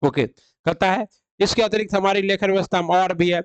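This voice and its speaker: Guy teaching a grammar class online, keeps asking then answering his own questions, smooth voice, slightly high. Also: fairly even intonation, brisk, no room sound. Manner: explains rules then quizzes with rhetorical questions. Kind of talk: online exam-prep lecture.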